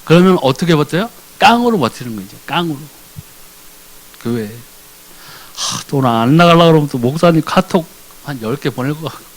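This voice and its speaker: A man, a church deacon, preaching a sermon in an animated way, firing rhetorical questions at the congregation. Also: on the high side, moderate pace, pauses often, rough recording. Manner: acts out short dialogues with changed voices.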